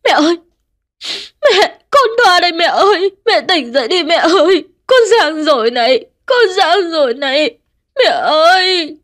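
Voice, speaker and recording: A woman's voice: very high-pitched, sing-song, measured pace, fairly bright tone, voice pushed up, full character voice. A woman voicing a grieving adult daughter who is crying and wailing over her dead mother in an audio horror story. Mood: sobbing grief. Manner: sobbing, wailing cries.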